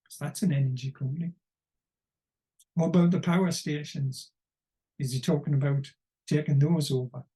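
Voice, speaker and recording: Brief: male commentator, slightly high, mellow tone, rambling wry monologue. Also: fairly even intonation. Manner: rambling and wry, pausing to search for words. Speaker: political commentator. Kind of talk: unscripted political commentary.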